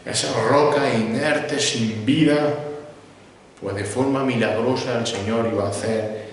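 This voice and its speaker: A man's voice: medium pitch, steady tone, a little slow. A man with a Spain Spanish accent preaches a sermon, asking questions of his listeners and then answering them. His voice rings through a large, very reverberant church hall, picked up from a distance. Faint room noise sits under the long reverb. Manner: poses rhetorical questions and answers them himself. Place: church sanctuary. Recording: echoey hall, mic far off.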